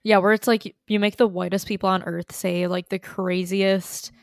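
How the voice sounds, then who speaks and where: A woman's voice: medium pitch, little pitch movement, normal speed, creaky, no room sound, studio quality. A young woman co-hosting a podcast, chatting in a giggly, offhand way. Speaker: podcast co-host. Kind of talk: casual chat.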